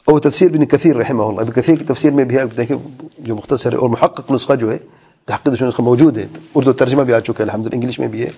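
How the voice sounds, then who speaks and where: Husky-voiced man teaching a religious lesson. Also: medium pitch, dark tone. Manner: reads lines in Arabic then explains them, with rhetorical questions. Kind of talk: religious lesson explaining a text.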